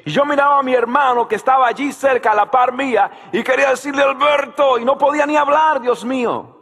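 High husky-voiced guy preaching hard, shouts a lot, big reverby hall sound. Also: brisk. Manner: impassioned preaching, shouting key lines and calling for responses. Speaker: pastor. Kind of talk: sermon.

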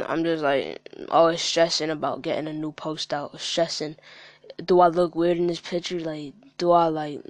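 A man's voice: a little high, no room sound. A man speaking in a candid casual chat as a guest, heated and profane and often repeating himself.

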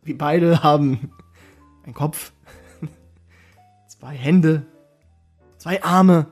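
A man's voice: fairly high pitch, very slow, darkish tone, slightly rough, faint music behind. A man co-hosting a casual podcast, joking around, laughing often and spelling words out letter by letter. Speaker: podcast co-host. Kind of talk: casual chat.

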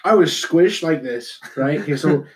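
Young guy from utah telling animated stories. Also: a little high, moderate pace, a little hiss or hum. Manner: animated storyteller who acts out other people's lines. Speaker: podcast co-host. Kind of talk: casual chat.

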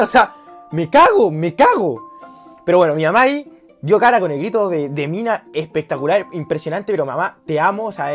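A man with a Chilean accent telling a story in a casual, animated and slangy way, dropping to a hush and rising to shouts. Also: high voice. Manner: animated, slangy and profane, swinging from hushed to shouting.

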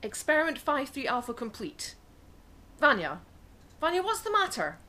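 A woman's voice: high voice, wildly swooping pitch, normal speed, pushed and bright, exaggerated voice. A woman playing a brusque, scheming female flight engineer on a space station in an audio comedy. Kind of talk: comic radio-play acting.

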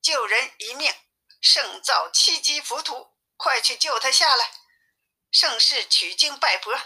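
A woman's voice: high voice, lively intonation, a little slow, sharp tone, slightly rough, voice pushed up, full character voice. A woman reading aloud voices a kind-hearted, naive male monk who speaks with earnest urgency. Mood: urgent. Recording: tinny phone-like sound.

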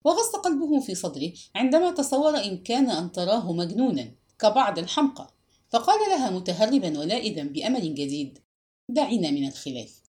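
A woman narrating a literary novel as an audiobook, with a measured, expressive reading. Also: medium pitch.

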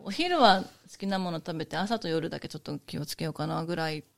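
A woman's voice: low voice, expressive, fast, creaky. A woman, a guest chatting casually and cheerfully in an interview, laughing often. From Osaka, raised in Kyoto.

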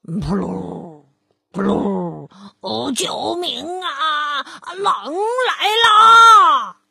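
A hungry old wolf stammers and mumbles nervously in a deep, breathy voice, as a woman reading a storybook puts him on. He hesitates constantly, sounding frightened and out of his depth. The recording is dry and close. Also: big pitch swings, slow, no echo, full character voice. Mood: panicky grunting.

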